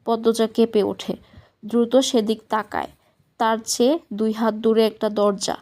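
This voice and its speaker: A woman's voice: on the high side, level tone, unhurried, dark tone. A woman narrating a novel as an audiobook, reading the characters' dialect dialogue in her own voice. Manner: reads all characters in one voice, dialect dialogue.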